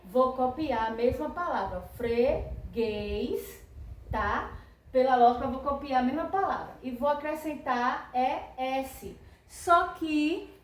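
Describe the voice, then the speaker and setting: Brazilian teacher woman, high voice, echoey. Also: far from the mic. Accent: Brazilian Portuguese. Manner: patient, tag questions after each phrase. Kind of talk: online grammar lesson for children. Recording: roomy echo, voice a bit off-mic.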